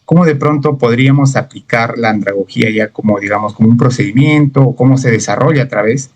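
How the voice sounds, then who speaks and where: A man's voice: medium pitch, fast. A man hosting a podcast interview who thanks his guest politely and asks long questions. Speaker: podcast host. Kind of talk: interview host.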